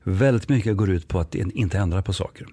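A man's voice: low-pitched, slightly rough, no room sound. Livlig man med norrländsk dialekt. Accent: northern Swedish. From northern Sweden. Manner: lively storyteller, acts out dialogue. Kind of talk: podcast conversation.

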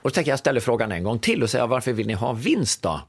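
A man's voice: medium pitch, no room sound. A man in his fifties, a guest and former business consultant, telling a story in conversation and acting out the dialogue. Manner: animated, acts out quoted dialogue.

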